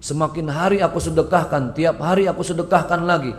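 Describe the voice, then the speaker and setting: A man's voice: on the high side, steady tone, fairly quick, voice pushed up, natural voice. A man preaching in an echoey hall voices a weeping rich man who pleads and is bewildered. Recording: echoey hall with long reverb.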